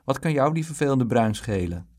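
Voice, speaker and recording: A man voicing a calm, sensible twelve-year-old girl who speaks gently and coaxingly. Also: mid-range voice, normal speed, lightly acted.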